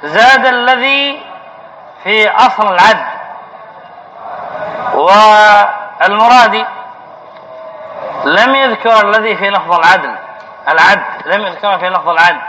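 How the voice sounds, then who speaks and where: High-voiced sheikh teaching grammar. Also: male voice, sharp tone. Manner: asks the class questions and answers them himself. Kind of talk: classroom grammar lesson. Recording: dull lo-fi lecture recording with faint hiss.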